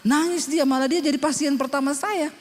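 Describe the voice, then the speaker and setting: A woman pastor preaching, telling funny stories in a colloquial, animated way. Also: high voice, a little fast, big-room sound. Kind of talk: sermon with storytelling.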